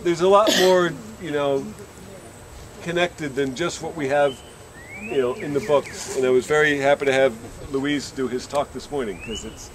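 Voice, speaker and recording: A man teaching beekeeping outdoors beside the hives, talking gently to the bees as he explains. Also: mid-range voice, moderate pace, background noise. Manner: coaxing, talks to the bees. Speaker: beekeeping instructor. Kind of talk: hands-on teaching talk at the hives.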